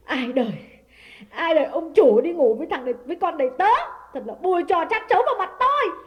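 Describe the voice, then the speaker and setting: A woman voicing a furious, jealous lady of the house who scolds and curses in shrill shouts. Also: rapid-fire, big-room sound, muffled recording, natural voice. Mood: enraged scolding.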